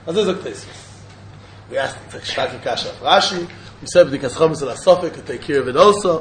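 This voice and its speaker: Male Talmud teacher, Yiddish accent, very high voice, insistent and repetitive, recorded in an echoey room with faint noise. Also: fairly bright tone. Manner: insistent, repeats phrases. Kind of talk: informal religious lesson, explaining and questioning.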